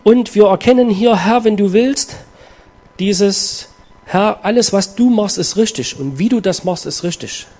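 A male preacher with a fairly high, darkish voice reads scripture slowly and earnestly during a sermon. He stresses key words and leaves dramatic pauses before he explains the passage.

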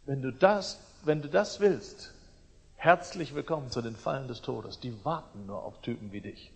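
A man preaching a sermon emphatically, swinging between loud declarations and quiet, pointed asides. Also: medium pitch, normal speed, vocal fry, slightly rough, long reverb tail.

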